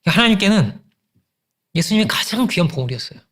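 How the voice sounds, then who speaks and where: A man's voice: high voice, big pitch swings, fairly quick, fairly bright tone. A middle-aged male pastor preaching a sermon with emphatic repetition and rhetorical questions.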